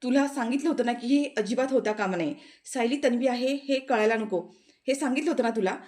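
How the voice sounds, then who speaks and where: A furious, scheming young woman shouts and threatens revenge, as a woman narrator plays her. Her voice sits a little high and pushes loud. It is told as a dramatic retelling of a TV serial. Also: fairly quick, natural voice.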